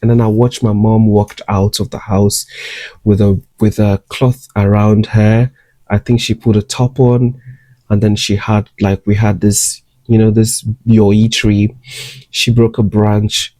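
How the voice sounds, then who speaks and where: Talking straight into a nearby camera from his bed at home, a young vlogger from Ghana reflects openly on his life in a personal storytelling video. He has a lowish, dark-toned voice, and there's no echo.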